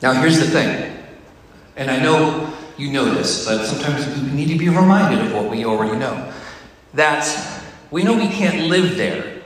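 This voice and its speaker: A man gives a devotional talk to a staff gathering that's conversational and jokey, sometimes turning emotional. His voice is fairly high and animated, at normal speed with long pauses. A phone on the podium captured it, so it sounds distant and echoey.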